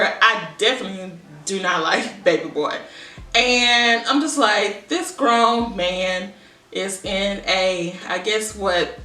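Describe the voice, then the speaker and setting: A woman's voice: a little high, sharp tone. A young adult woman vlogger rambling in a casual, conversational chit-chat, thinking aloud. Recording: echoey room, distant mic.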